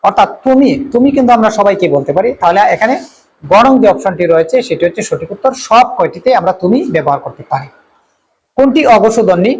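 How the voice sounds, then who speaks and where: A male teacher going through exam multiple-choice questions, repeating each question and reading out the options before giving the answer, with drawn-out "uh" fillers. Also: high-pitched, darkish tone, a little hiss or hum, low-quality recording.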